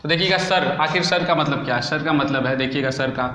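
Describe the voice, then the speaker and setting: A man teaching an exam-prep lesson through a memory trick, repeating key phrases slowly so students can say them along. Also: a little high, pushed and bright. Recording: echoey room with long reverb.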